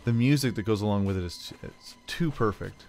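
Fairly low and darkish in tone, this man's brisk voice narrates a gaming video with game music in the background. His commentary is casual and playful, spoken as he thinks aloud with frequent exclamations.

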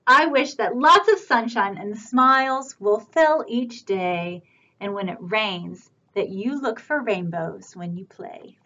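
A woman children's librarian reading picture books aloud for storytime, with a warm, expressive storytime delivery. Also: mid-range voice, takes it slowly, muffled recording.

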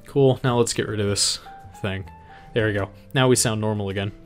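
A young man casually talking through an audio software tutorial on a desk mic at home, rambling with fillers and self-corrections. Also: lowish voice, steady tone, brisk, faint music behind. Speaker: tutorial host. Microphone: home desk microphone.

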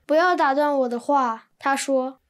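A woman reading translated textbook sentences in an even, clear manner. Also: high voice, moderate pace. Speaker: Chinese translation reader.

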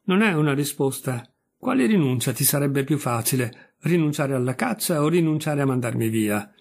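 A man's voice: mid-range voice, expressive, moderate pace, darkish tone. A man voicing a weak, starving male dog who argues stubbornly in a storybook reading.

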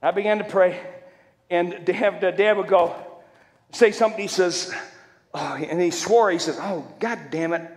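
A middle-aged man preaches a testimony sermon in a high, ringing voice, often shouting and joking with the crowd. His words trail off in the long reverb of a big church hall. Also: a little slow, long pauses. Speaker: preacher and fire department chaplain.

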